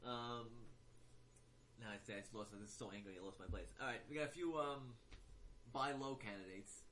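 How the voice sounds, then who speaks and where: A man co-hosting a casual fantasy football talk, animated and prone to ranting, with many fillers and restarts. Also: medium pitch, moderate pace, a little hiss or hum, rough recording. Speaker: fantasy football podcast co-host. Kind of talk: casual chat.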